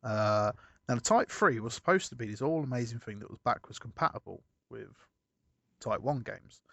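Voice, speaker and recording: A man's voice: medium pitch, expressive, moderate pace, creaky, a bit bright, dry recording, lo-fi sound. A man chatting casually as a podcast co-host, rambling through a story and correcting himself as he goes. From United Kingdom.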